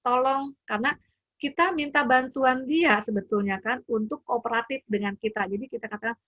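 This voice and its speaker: A woman's voice: on the high side, fairly even intonation, a little fast, no room sound, highs cut off. A woman, a parent, giving an informal webinar talk from home, chatty with many fillers and acted quotes of parent and child. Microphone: computer mic on a video call.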